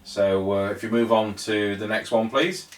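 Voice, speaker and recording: Homem chamando pelo rádio, distante. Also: male voice, lowish voice, fairly even intonation, normal speed. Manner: brief, procedural call-and-response. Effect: heard over a two-way radio. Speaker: amateur radio base station operator. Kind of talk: radio procedure calls. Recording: distant, roomy radio audio with faint noise.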